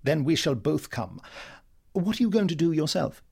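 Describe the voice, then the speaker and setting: Man acting Sherlock Holmes, cool, husky, animated. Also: fairly high pitch, moderate pace, exaggerated voice. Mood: brisk, courteous. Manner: precise, bland, imperturbable. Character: cool, analytical, dryly amused male gentleman detective. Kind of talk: audio drama acting.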